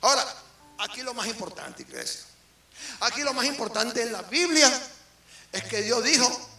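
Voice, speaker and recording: A man with a Venezuelan accent preaching a sermon as an apostle, swinging between loud emphasis and quiet asides and firing questions at the congregation. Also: very high voice, animated, moderate pace, gravelly, far from the mic. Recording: roomy hall from off the mic, faint music.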